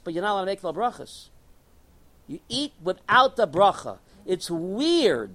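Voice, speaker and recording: High-voiced man teaching an animated class. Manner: animated, repeats phrases, asks and answers own questions. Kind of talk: religious class lecture.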